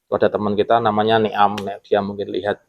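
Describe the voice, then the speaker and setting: A man's voice: lowish voice, fast talker, highs cut off. Man telling a spooky story. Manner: animated, acts out quotes from coworkers. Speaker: podcast guest, former bank security guard. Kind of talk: casual storytelling chat.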